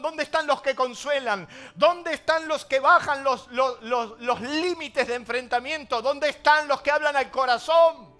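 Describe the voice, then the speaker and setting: Speaking with a Rioplatense Spanish accent, a man preaches a sermon as pastor in a very high voice. He swings between loud emphasis and hushed asides.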